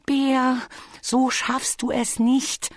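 A storyteller voicing a small, wise female bee who patiently tries to talk sense into her friend, in a raised, gentle voice. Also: flat delivery, drawn-out words, no room sound, studio quality, heavily acted. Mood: coaxing. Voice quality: high, gentle and coaxing. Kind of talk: storybook read-aloud.

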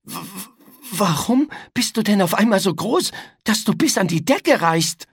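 A man's voice: fairly high pitch, sing-song, takes it slowly, a bit bright, breathy edge, no echo, clean studio sound, voice pushed up, heavily acted. A man voicing a young boy in a storybook reading, timid yet cheeky. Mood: boyish.

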